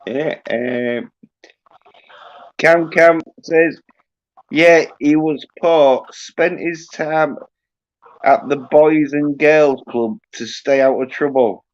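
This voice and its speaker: A man hosting a livestream in casual chat, talking haltingly with lots of fillers and restarts. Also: fairly high pitch. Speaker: livestream host. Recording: muffled lo-fi audio.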